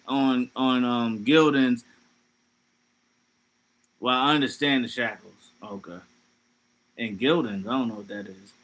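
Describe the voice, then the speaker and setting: A man's voice: mid-range voice, bright, forceful tone. A young man hosting a livestream, riffing loosely with profanity and jokes while reading chat. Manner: loose, profane, joking riffs. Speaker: livestream host. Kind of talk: casual livestream commentary.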